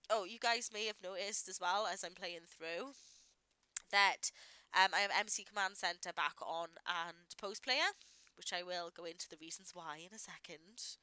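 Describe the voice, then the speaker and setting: Narrating gameplay she recorded earlier, this adult gaming YouTuber and parent rambles chattily with plenty of "like" and tangents. Her voice is on the low side, pushed, bright, clear and resonant at a normal speed. The recording has no echo but is low quality.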